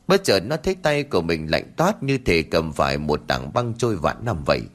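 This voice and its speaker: Low-voiced male ghost story narrator. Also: moderate pace. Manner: dramatic, expressive reading.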